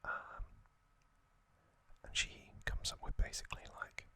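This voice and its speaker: A man whispers as an ASMR host, softly rambling through trivia with frequent pauses and ums. His talk drifts into personal recollections.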